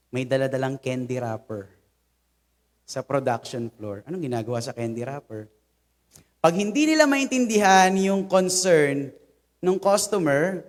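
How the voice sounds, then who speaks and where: A young Filipino man preaching a sermon in a humorous, conversational way, telling lively personal stories to his congregation. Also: mid-range voice. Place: church hall. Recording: long hall reverb.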